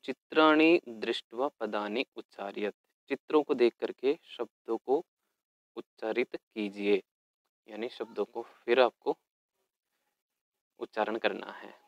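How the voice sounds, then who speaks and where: A man's voice: mid-range voice, a little slow, pauses often, no echo, highs cut off. A man explaining a Sanskrit textbook lesson, patiently spelling out words letter by letter. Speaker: Sanskrit teacher.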